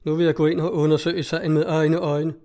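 A man's voice: fairly high pitch, little pitch movement, warm tone, natural voice. A man voicing a blustering, fearful innkeeper. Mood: scolding. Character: fearful bass-voiced male innkeeper.

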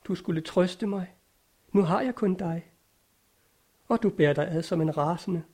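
A man's voice: high-pitched, a little mellow, slightly rough. A man voicing a grieving, frightened young wife in a read-aloud story. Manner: anguished, tearful.

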